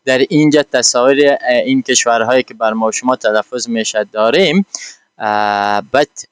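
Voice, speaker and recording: A man with an Afghan accent teaching an English lesson. He says each line slowly and carefully in English, then translates it quickly, with frequent fillers. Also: medium pitch, clear, resonant tone.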